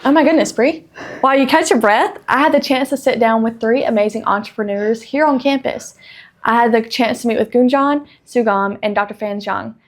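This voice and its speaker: A woman host introducing a segment in an excited, gushing way. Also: a little high, brisk. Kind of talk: enthusiastic host segue.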